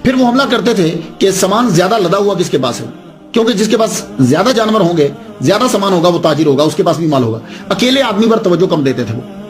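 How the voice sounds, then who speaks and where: A man's voice: high-pitched, animated, soft background music. A man preaching a sermon, telling a story with dramatic delivery and voicing the characters in turn.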